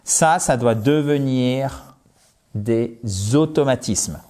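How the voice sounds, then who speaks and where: A man teaching a language lesson online, talking straight to his viewers in a lively, emphatic way. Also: mid-range voice, takes it slowly, faint music behind. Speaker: English teacher.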